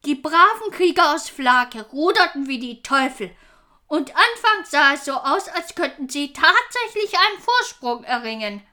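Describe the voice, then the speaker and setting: A woman narrating a children's story in a lively, expressive reading. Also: high voice, unhurried.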